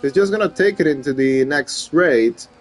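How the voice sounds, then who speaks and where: A man's voice: a little high, normal speed. A man commentating live on a motor race as a motorsport commentator. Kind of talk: live sim racing commentary.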